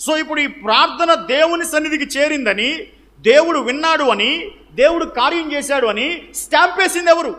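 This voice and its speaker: A man delivers question-and-answer Bible teaching in a very high, bright, forceful voice, expressive and at normal speed. He quizzes his audience, answers for them and repeats key phrases. The large hall adds long reverb, with slight background noise.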